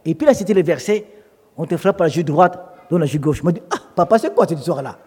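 A man delivers a sermon in a high, lifted voice. He tells stories with animation and slips into the voices of the people he quotes. His words ring out with the long reverb of a large hall. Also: animated, quick pace, darkish tone, slightly rough. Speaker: preacher.

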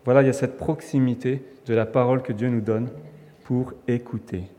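A man's voice: medium pitch, fairly even intonation, fairly quick, warm tone. A man from France preaching a sermon in a conversational, emphatic way, with restarts and fillers. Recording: long hall reverb.

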